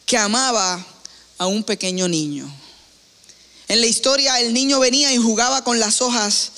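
A man preaching a sermon, retelling a story slowly and deliberately, with pauses. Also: high-pitched, sharp tone, clear, resonant tone. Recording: long hall reverb.

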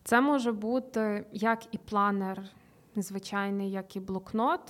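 A woman's voice: medium pitch, fairly even intonation, a little slow. A young woman co-hosting a casual podcast chat, explaining a method step by step with fillers and the odd swear word. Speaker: podcast co-host.

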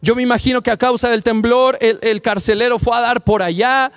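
A man preaching a sermon, speaking straight to the listener and building to passionate near-shouts on key phrases. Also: very high voice, steady tone, a little fast, smooth.

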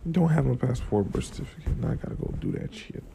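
A young vlogger from Florida, groggy from the morning, rambles in a loose, profane way about work and money, moving between stories and life lessons. He speaks fast and expressively at a medium pitch with a gravelly voice, and the audio is very noisy.

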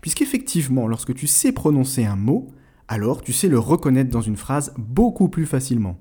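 Husky, mellow male language teacher. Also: medium pitch, big pitch swings, normal speed. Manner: clear explanatory delivery, addressing the listener directly. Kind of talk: scripted educational lesson.

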